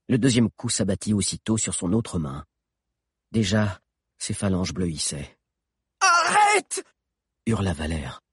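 A man with a husky voice narrating an audiobook in an expressive storytelling manner. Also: low voice, no echo, studio quality.

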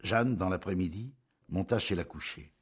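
A man narrating a classic novel as an audiobook in a measured, expressive storytelling manner. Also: deep voice, breathy edge.

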